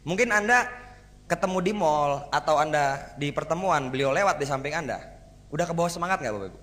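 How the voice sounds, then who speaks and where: A man delivers a motivational seminar talk to a live audience, energetic and rhetorical, with a slightly high voice. He keeps turning to the crowd for agreement. His voice rings out with a long reverb in a large hall. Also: brisk. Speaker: motivational speaker.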